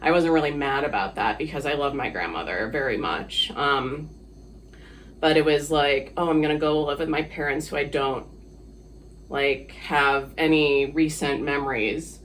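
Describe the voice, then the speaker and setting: A man's voice: fairly high pitch, normal speed, a bit bright, a little hiss or hum. A man from the Philippines, a guest on an interview podcast, talking casually and hesitantly with many fillers and easy laughs.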